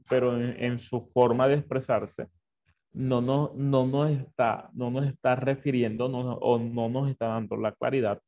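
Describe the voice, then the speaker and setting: A man teaching a Bible lesson, explaining slowly and often repeating and correcting himself. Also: mid-range voice, dull audio.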